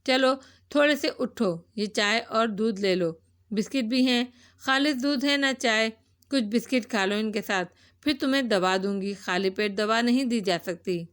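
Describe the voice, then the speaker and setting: A woman reading a novel aloud, voicing a caring young woman doctor who talks in a gentle, coaxing way. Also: fairly high pitch, close to an everyday voice.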